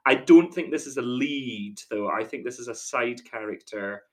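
A man co-hosts a podcast and takes a quiz in casual chat. He talks in a chatty way and often hesitates. His pitch sits in a middle range. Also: moderate pace, darkish tone. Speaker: podcast co-host, quiz contestant.

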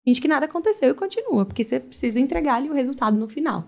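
A woman's voice: sits high, racing, gravelly. A young adult woman, a family photographer, chatting casually in a live session and acting out the lines of the people in her stories. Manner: lively storyteller, acts out dialogue.

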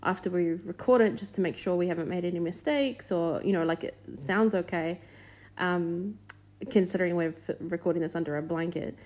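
A woman's voice: lowish voice, brisk, a little mellow. A young woman co-hosting a casual podcast, chatty and laughing, recorded muffled under a blanket at home. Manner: chatty, laughs often, trails off. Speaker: podcast co-host. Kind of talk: casual chat.

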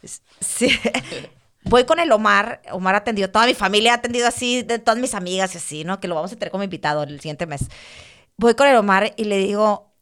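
Woman, thirties, podcast guest, casual storytelling, animated, repeats words. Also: medium pitch, a little fast.

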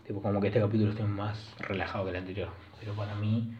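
Rambling young Argentine man, flat low voice. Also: quick pace, a little hiss or hum. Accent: Rioplatense Spanish. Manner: rambling, crude slang, self-correcting. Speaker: podcast host. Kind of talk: casual solo podcast monologue. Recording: echoey dull lo-fi room recording.

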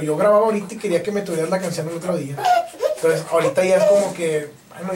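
Slangy Mexican man in an echoey room. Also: high-pitched. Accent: Mexican Spanish. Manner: relaxed slangy talk, laughs often. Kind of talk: casual interview chat. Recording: echoey room, distant mic, background noise.

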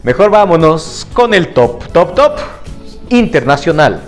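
A man's voice: a little high, sing-song, measured pace, soft background music. Joking man co-hosting news. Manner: joking, self-mocking asides. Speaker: news podcast co-host. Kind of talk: news read with banter.

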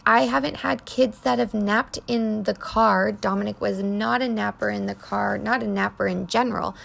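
A woman's voice: mid-range voice, creaky. A woman hosting a podcast, talking through her week as a foster mother in a chatty, unscripted way with lots of ums. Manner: chatty, frequent ums, laughs at herself. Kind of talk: casual podcast monologue.

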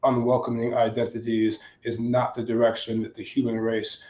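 A hoarse man who has recently lost his voice, giving measured, explanatory remarks as a panelist. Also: medium pitch, completely flat delivery, a little mellow. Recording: roomy echo, slightly dull sound.

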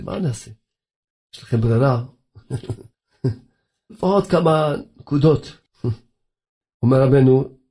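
A man's voice: mid-range voice, warm tone, slightly rough. A man delivering a fervent religious sermon, firing rhetorical questions at his listeners. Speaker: preacher.

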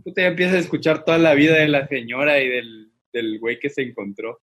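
A man in relaxed casual chat, laughing along easily. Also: medium pitch, fairly quick, a little hiss or hum.

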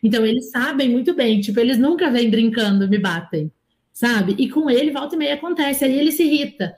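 A woman, a mother of young children, talking calmly and at length about parenting as a guest in a casual conversation. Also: on the high side, brisk. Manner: calm, reflective, explains at length.

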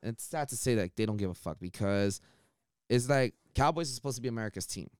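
A man in casual sports chat, blunt and animated, swearing freely as he gives his opinions. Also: mid-range voice, fast talker, smooth, dry recording, clean studio sound. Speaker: podcast co-host.

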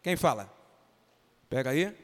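A man's voice: fairly high pitch, expressive, a little slow. A man with a Brazilian Portuguese accent, a pastor leading an interactive Bible lesson for children in a church and coaxing them by name to answer. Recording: reverberant church hall.

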